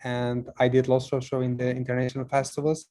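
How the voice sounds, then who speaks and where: A man from Turkey with a Turkish accent, introducing himself as a puppeteer in an online meeting, speaking haltingly in non-native English. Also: mid-range voice, monotone, mellow.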